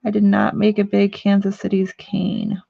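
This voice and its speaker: A woman hosts a casual live stream from her living room, chatting and joking with her viewers. Her voice is dry and close, with no room echo, and the sound comes through somewhat dull and muffled. She sits at a mid pitch. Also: completely flat delivery, normal speed, vocal fry, husky. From Missouri. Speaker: live stream talk show host.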